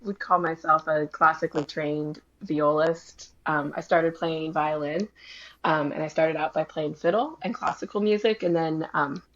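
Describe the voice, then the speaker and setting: A woman's voice: low voice, steady tone, normal speed, muffled recording, a little hiss or hum. A young woman from northern Idaho, a violist, speaking as an interview guest, hesitant and giggly. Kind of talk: casual interview talk.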